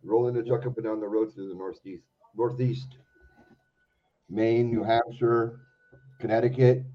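A man's voice: medium pitch, fairly even intonation, a little slow. A man calling in to a casual talk show from an unfinished concrete basement, his voice hollow and boxy, as if inside a barrel. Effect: hollow boxy sound, like talking inside a barrel. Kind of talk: casual chat. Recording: dull boxy lo-fi remote call.

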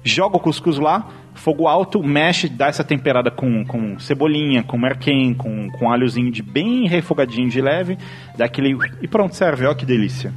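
A man's voice: mid-range voice, lively intonation, moderate pace, faint music behind. A man with a Brazilian Portuguese accent co-hosting a casual podcast chat over drinks, joking and rambling into mock-philosophical questions. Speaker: podcast co-host.

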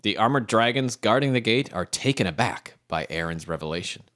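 Young male narrator, very low-pitched, reads game text aloud with a laid-back joking tone. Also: animated, a little fast, a bit bright. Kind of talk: reading out AI-generated game narration.

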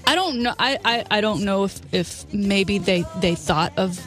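A woman's voice: mid-range voice, unhurried, a bit bright, faint music behind. A woman co-hosting a sports talk show, conversational and opinionated in a casual style. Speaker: sports radio co-host.

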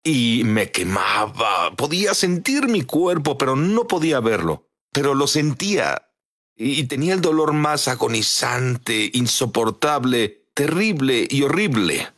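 A man's voice: medium pitch, big pitch swings, measured pace, a bit bright. A middle-aged man telling his story in earnest as a guest on an interview show. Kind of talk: dubbed testimony interview.

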